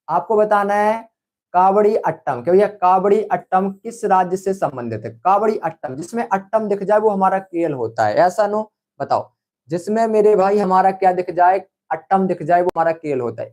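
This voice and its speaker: High-voiced man coaxing a live class. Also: darkish tone. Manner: coaxing, repetitive, calls students brother. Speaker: online exam-prep teacher. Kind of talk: live online class quiz.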